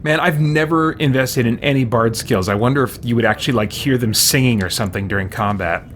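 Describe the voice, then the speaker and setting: Thinking aloud to himself, this streamer offers casual live gameplay commentary and responds to viewers in a brisk, fairly bright, medium-pitched voice. Game music runs under his speech along with a little background noise.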